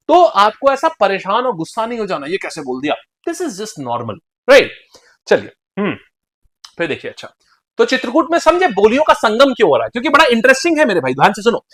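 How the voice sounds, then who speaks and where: A male teacher giving an animated exam-prep lecture, talking straight to his students and acting out dialect phrases. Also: high-pitched.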